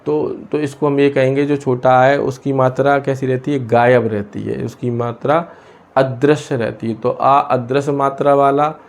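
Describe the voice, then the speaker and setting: A man teaching a lesson from India, pausing often and asking questions he then answers himself. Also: medium pitch, flat delivery. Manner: asks and answers his own questions, many hesitations. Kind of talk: explaining a lesson.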